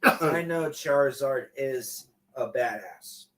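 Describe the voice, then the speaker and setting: A middle-aged man chatting casually on a livestream in a loose, halting, tipsy ramble. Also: mid-range voice. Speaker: streamer. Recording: clearly noisy room recording with clicks.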